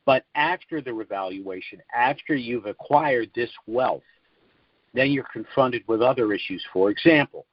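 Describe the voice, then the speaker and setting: A man with a medium-pitched, slightly breathy voice presents on a call, offering explanatory commentary in a deliberate, formal way with pauses and hesitations. The sound is dry and dull like a lo-fi conference line, with no room sound.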